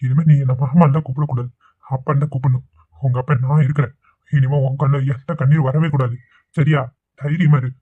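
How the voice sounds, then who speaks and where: A man's voice: medium pitch, fairly even intonation, brisk, slightly rough, no echo, close to an everyday voice. A man voicing a kind, reformed middle-aged father-in-law in a cartoon, speaking affectionately. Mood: reassuring. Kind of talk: amateur cartoon voice acting. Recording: dry, tinny phone-like sound.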